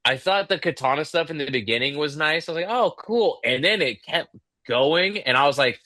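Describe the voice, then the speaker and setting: Man, podcast co-host, blunt and animated, bright tone, dry close sound. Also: on the high side, fairly quick, no room sound. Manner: blunt, swears freely, animated. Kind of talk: casual podcast chat.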